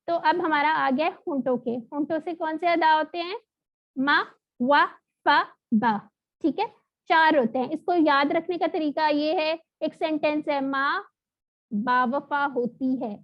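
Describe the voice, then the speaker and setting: A woman teaching an online recitation lesson, explaining patiently and sounding out letters slowly. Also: sits high. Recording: dull lo-fi audio.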